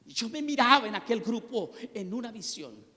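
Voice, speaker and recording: A man preaching a sermon and telling his own testimony, impassioned and rising to near-shouts at the peaks. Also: very high voice, big pitch swings, normal speed. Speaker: pastor. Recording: long reverb of a hall.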